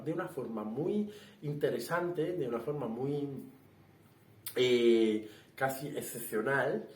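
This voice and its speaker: A man's voice: mid-range voice, a little mellow. A man giving a casual spoken language lesson, explaining with fillers, restarts and rhetorical questions. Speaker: language teacher. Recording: roomy echo, somewhat far from the mic.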